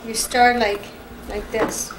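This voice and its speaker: A woman's voice: fairly high pitch, level tone, slow. A woman in a home kitchen giving bossy instructions, captured by a camcorder on an old VHS home video. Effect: old VHS tape home video. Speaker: home cook directing the cake icing. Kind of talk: casual home-movie chatter. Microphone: camcorder mic. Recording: hissy old VHS tape, echoey kitchen, from far off.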